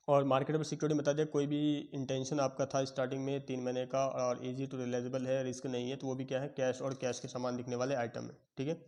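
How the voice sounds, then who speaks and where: A male accounting teacher lectures patiently, going step by step and checking that his students follow. His voice is warm and mellow at an ordinary pitch. A sore throat has him clearing it now and then. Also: monotone, fairly quick. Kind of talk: classroom lecture.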